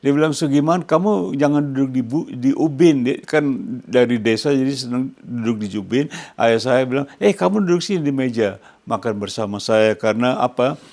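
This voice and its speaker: A man's voice: medium pitch, normal speed. A male pastor preaching a sermon, questioning his congregation and answering himself when he speaks English. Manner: asks the congregation questions and answers them himself, rising loud on quoted words.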